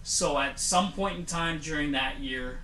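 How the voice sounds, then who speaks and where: A man with a bright, forceful voice hosts a homemade awards show in a playful, mock-grand way, sometimes restarting his sentences. He sits a little above the usual male pitch. The sound comes from an echoey home room with a faint hiss underneath. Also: measured pace. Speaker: host. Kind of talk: casual comedic awards-show banter.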